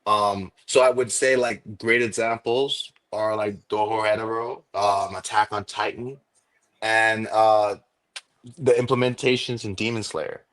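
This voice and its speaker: A man with a voice on the low side speaks a little slowly in a steady, fairly bright tone, though the audio is poor. He's a guest content creator in a casual chat, sounding enthusiastic and filling his speech with "like" and "um".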